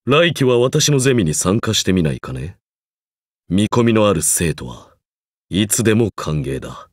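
Scripted lines for a mobile game come from a man with a lowish voice playing a haughty, severe professor of magecraft. He speaks at a normal speed with big pitch swings, condescending in a formal lecturer's way yet offering his student grudging, measured approval, and the studio-quality recording has no echo.

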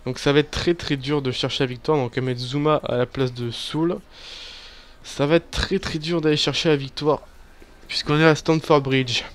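A man giving casual, excitable commentary over a football video game, swearing and cheering at his players. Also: medium pitch. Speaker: gaming YouTuber. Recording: faint background music.

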